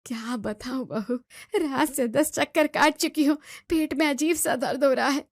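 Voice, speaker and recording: A woman's voice: high-pitched, moderate pace, vocal fry, no echo, studio quality. Woman playing a fretful old mother-in-law. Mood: distressed. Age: 60s. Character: fussy old diabetic mother-in-law, sneaky.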